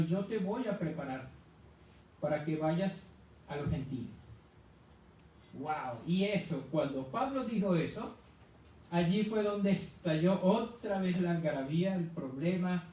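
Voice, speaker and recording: A church Bible teacher with a high, mellow male voice gives conversational expository teaching, didactic in tone and full of rhetorical questions for his listeners. The room is very echoey, the mic sits at a distance, and there's faint noise.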